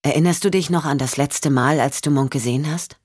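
A woman voicing a calm male investigator who questions gently and patiently, for an audiobook. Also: sits low, brisk, husky, no room sound, clean studio sound.

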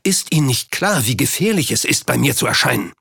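A man's voice: mid-range voice, sing-song, brisk, creaky, a bit bright, husky, no echo, clean studio sound, exaggerated voice. A man doing a panicky aging tycoon. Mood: panicked. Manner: raised, agitated and clipped.

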